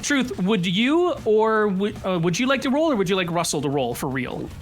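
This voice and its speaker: Male game master, high-pitched, animated and descriptive, narrating a tabletop fight off the cuff. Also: normal speed, over music.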